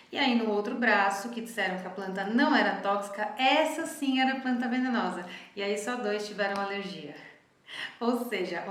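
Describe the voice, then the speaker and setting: Woman therapist, calm explanatory talk, somewhat high voice, echoey room. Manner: calm, explanatory, often adds "né?". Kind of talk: reflective teaching talk.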